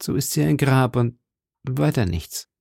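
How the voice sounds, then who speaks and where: A man's voice: mid-range voice, animated, unhurried, vocal fry, darkish tone, dry recording, clean studio sound, full character voice. A man reading an audiobook, voicing a melodramatic, brooding young musketeer in a raised, solemn, theatrical voice. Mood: gloomy.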